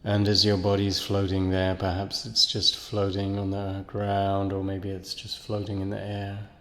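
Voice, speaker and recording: Man, hypnotist, very deep voice, monotone, long reverb, slow soothing induction. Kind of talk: guided hypnosis relaxation script.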